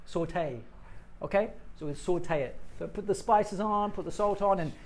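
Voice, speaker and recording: A middle-aged man teaches English on a live stream in a loose, joking manner. His voice sits slightly higher than most men's. He chats with viewers as he explains. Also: normal speed, a little hiss or hum. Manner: chatty and playful, jokes with viewers.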